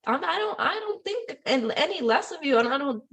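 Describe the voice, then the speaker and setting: A woman's voice: high voice, big pitch swings, a little fast, vocal fry, a bit bright. Woman host from Puerto Rico, casual and chatty, mixes in Spanish. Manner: chatty, mixes Spanish and English, laughs often. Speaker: podcast host. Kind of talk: casual conversation.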